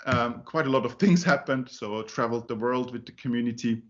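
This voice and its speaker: Speaking briskly in a medium-pitched voice, a Finnish man raised in Zurich presents at a user group meeting in non-native English, stumbling through many fillers and restarts. The audio of this conference talk is muffled.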